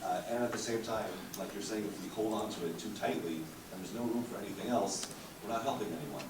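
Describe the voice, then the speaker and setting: A very deep-voiced man speaks on a therapy panel, hesitating and restarting often with plenty of fillers. He is picked up from a distance in a conference room that echoes, with clear background noise behind him. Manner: halting, many fillers and restarts. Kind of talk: panel discussion answer.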